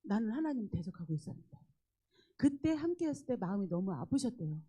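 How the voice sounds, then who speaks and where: A middle-aged woman, a gospel singer, giving a church testimony with animated storytelling, acting out her own dialogue with exclamations. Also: medium pitch, fast, breathy edge, poor audio. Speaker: guest speaker, gospel singer. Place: church sanctuary.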